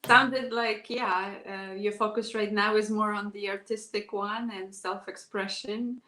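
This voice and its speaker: A woman's voice: mid-range voice, steady tone, sharp tone. A woman hosting a live-streamed interview show, speaking hesitantly with many fillers over a video call. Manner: halting, many fillers and restarts. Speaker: show host. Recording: echoey room.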